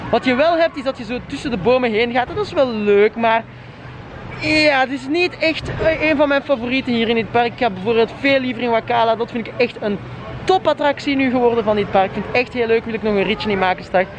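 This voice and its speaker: A man's voice: very high-pitched, fairly quick. A man vlogging in a casual, chatty way while walking outdoors in a theme park, talking to his viewers and rating what he sees. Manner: chatty, rates rides, addresses viewers directly. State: out of breath while climbing. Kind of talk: casual vlog talk to camera. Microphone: handheld camera, at times a phone at arm's length. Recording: outdoor crowd noise, loud background. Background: crowd and ride noise.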